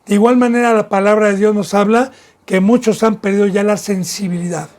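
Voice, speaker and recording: A man with a Mexican Spanish accent preaching a fervent sermon as a pastor, often addressing his listeners as brothers and sisters, drawing out key words and then rushing through others. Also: high voice, fairly even intonation, a little mellow. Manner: fervent preaching, often addresses "bendito hermano y bendita hermana".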